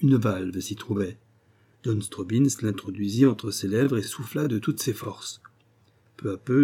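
Mellow husky male audiobook narrator. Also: medium pitch. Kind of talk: scripted adventure novel narration.

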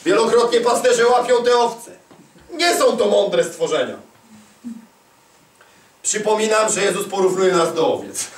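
Male preacher, high voice, emphatic call-and-response, distant mic in a large echoey hall. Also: expressive, unhurried, long pauses. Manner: emphatic, repeats lines and calls for answers. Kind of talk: charismatic sermon. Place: large hall at a church conference.

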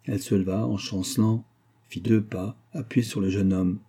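Male audiobook narrator, very dark, husky tone, expressive literary reading. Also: on the low side, normal speed. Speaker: audiobook reader. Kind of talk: scripted narration.

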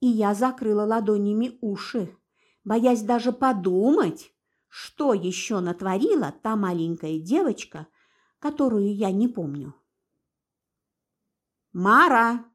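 A woman narrating a first-person novel aloud in an expressive, dramatic storytelling way. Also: mid-range voice, a little slow. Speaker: audiobook narrator.

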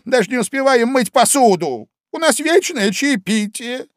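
A man voicing the Hatter as a manic, excitable grown man who talks high and loud in a storybook reading. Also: normal speed, no room sound, studio quality.

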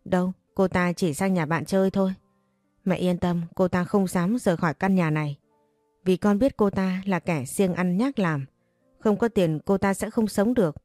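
Casual: woman reads cold calculating husband, low-key and dry, faint music behind. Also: normal speed, warm tone, no room sound, lightly acted. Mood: scheming.

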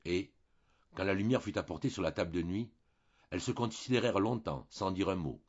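Casting: low male reader for a classic novel, husky tone, slightly muffled recording. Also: animated. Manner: measured storytelling delivery. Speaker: audiobook reader. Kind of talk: literary audiobook narration.

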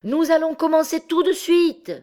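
A woman's voice: extremely high pitch, fairly even intonation, very slow, a little mellow, voice pushed up, heavily acted. A woman reading an audiobook, voicing a frightened male stage actor who stammers and then bellows to a crowd. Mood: bellowing.

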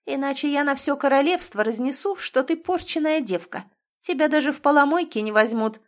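A woman's voice: high voice, brisk, voice pushed up, lightly acted. Audiobook: woman reading as a cold, commanding stepmother, raised and cutting. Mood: gloating. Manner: sharp, scolding and commanding. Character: scheming domineering stepmother, middle-aged woman.

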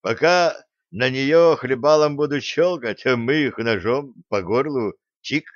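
A gruff, phlegmatic admiral , as a male reader puts him on, who talks calmly with a dry, blunt edge. The recording is close, dry and slightly dull. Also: mid-range voice, unhurried, dry recording, natural voice.

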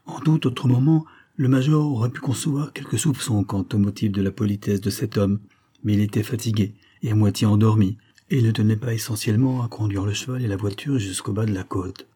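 Low husky male audiobook narrator. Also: fairly quick. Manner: steady dramatic reading. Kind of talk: scripted narration.

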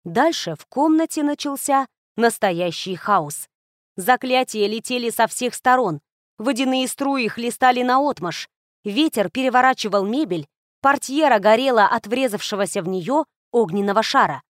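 A woman reads a first-person fantasy novel aloud. Her voice sits slightly high and moves at a steady storytelling pace. The sound is dry and close, with no room echo. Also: moderate pace. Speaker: audiobook narrator. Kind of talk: scripted first-person narration.

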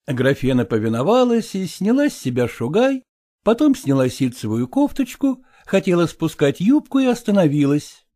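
A male narrator reads a classic story in a low, measured voice. His delivery stays steady between the lively character lines. Audiobook narration. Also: no room sound, studio quality.

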